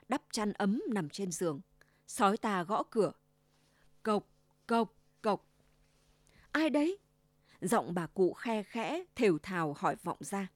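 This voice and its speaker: A woman's voice: medium pitch, lively intonation, a little slow, no echo. Woman telling a fairy tale. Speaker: storyteller. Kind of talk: scripted fairy tale narration.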